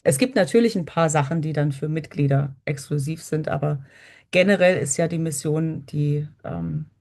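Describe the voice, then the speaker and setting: Low, very mellow woman explaining informally. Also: moderate pace, vocal fry. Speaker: co-presenter.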